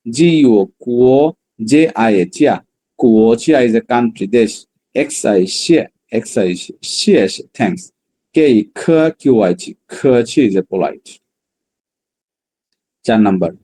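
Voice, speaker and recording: A man with a dark, mellow voice leads a language class. He sounds out each word slowly and repeats it several times. Between drills he breaks into fast explanations. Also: medium pitch. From Bangladesh. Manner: drills words slowly, then explains in quick bursts. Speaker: Chinese language teacher. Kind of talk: online class lesson.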